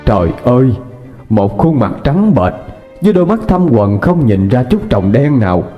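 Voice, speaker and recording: A man narrating a horror story in a steady, even storytelling voice. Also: medium pitch, normal speed. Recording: dull lo-fi with faint music.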